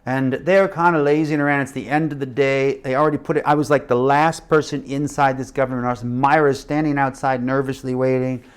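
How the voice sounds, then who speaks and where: A middle-aged man preaching a sermon, telling a personal story with animated delivery and shifts between loud and hushed. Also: medium pitch, a little fast, few pauses, smooth. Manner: animated storytelling with acted quotes and shifting loudness. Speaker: missionary preacher.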